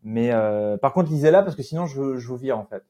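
A man's voice: medium pitch, a little fast, dull audio. A man in his twenties, a podcast guest, chatting casually and joking with the host. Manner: relaxed, joking, many fillers. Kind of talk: casual interview chat.

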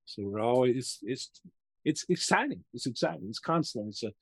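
A man in his sixties from the United States, a real estate investor, chats on a podcast and tells long, wandering stories, imitating what others said. He has a medium pitch, lively intonation, and a moderate pace, with vocal fry and a breathy edge, and there's no echo.

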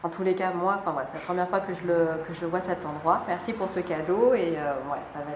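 A woman hosting a podcast, asking relaxed, friendly interview questions. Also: fairly low pitch, fast. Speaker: podcast host. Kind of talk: casual interview. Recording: roomy sound with faint noise.

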